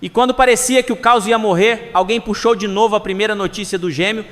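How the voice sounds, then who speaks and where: A man with a high voice runs through a set of jokes as scripted comic narration. He follows each punchline with a dry, mock-serious remark. His voice trails off in a long hall reverb. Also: steady tone, quick pace, fairly bright tone. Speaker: joke teller.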